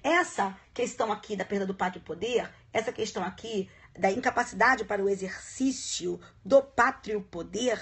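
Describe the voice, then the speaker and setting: A woman teaching law in a casual live-streamed exam review, checking in with viewers often and chatting warmly between points. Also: mid-range voice, normal speed, few pauses. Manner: chatty, warm asides to viewers, frequent "tá?" checks. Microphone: phone live stream.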